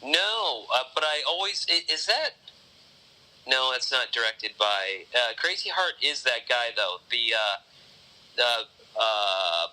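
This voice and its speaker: A man hosting a podcast in casual chat, thinking out loud and rambling through many restarts. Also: medium pitch, very animated, slow, poor audio. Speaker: podcast host.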